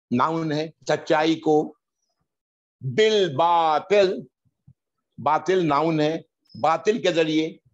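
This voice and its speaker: A man teaching Quranic Arabic grammar word by word, drawing out each Arabic word slowly and then explaining it quickly. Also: a little high, lo-fi sound. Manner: drawn-out recitation of Arabic words between quick explanations. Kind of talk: word-by-word grammar lesson in Urdu.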